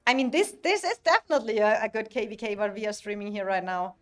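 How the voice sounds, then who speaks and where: Female game streamer, non-native English speaker, casual and explanatory, feeling for words as if translating mentally. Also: medium pitch. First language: not English. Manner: halting, searching for words as if translating in head, non-native phrasing. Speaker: livestream host and alliance member. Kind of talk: casual livestream chat about a strategy game.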